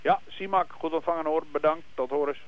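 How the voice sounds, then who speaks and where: Coast guard operator, male, heard over marine VHF radio; slightly high voice, muffled line with heavy hiss. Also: brisk. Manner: clipped, formal call-and-answer. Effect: marine VHF radio transmission. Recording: dull radio line with loud static.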